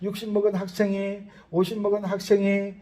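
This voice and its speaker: A man's voice: sits high, completely flat delivery, brisk, dark tone, a little hiss or hum. A man who teaches accordion, talking casually, rambling and thinking aloud as he goes. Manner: chatty, rambling, thinks aloud while listing places. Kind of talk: casual talk to viewers.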